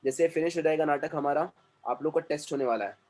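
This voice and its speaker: Man, English teacher, stern and repetitive, slightly higher voice, lecturing an online class. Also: quick pace, darkish tone.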